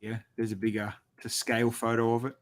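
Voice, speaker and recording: Aussie or kiwi sounding guy hosting a hobby chat, blokey, informal, normal pitch. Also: completely flat delivery, fast. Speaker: host of a hobby show. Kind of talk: casual chat.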